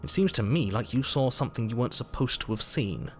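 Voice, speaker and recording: A man playing a solemn, stern narrator in a video game, speaking in a measured, literary, commanding way. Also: mid-range voice, expressive, soft background music, close to an everyday voice. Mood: stern, exasperated. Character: solemn, stern storyteller narrator giving orders.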